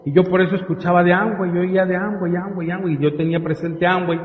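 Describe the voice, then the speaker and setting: A man giving an emotional storytelling speech to an audience at a business event, acting out dialogue with dramatic pauses. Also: sits high, little pitch movement. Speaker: motivational speaker at a business event. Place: large hall with a live audience. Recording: echoey hall, dull sound.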